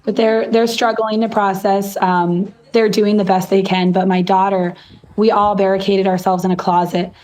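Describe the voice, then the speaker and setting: A woman in her thirties giving an earnest, emotional interview account, her voice hoarse and worn from exhaustion. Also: mid-range voice, level tone, moderate pace, a little mellow, rough recording. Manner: earnest, faith-filled. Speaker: interviewed hurricane survivor.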